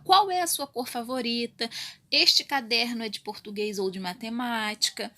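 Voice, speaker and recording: A woman teacher with a high, bright voice walks young pupils through a recorded grammar lesson. She explains each point step by step and keeps checking in with them as she goes. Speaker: primary school teacher.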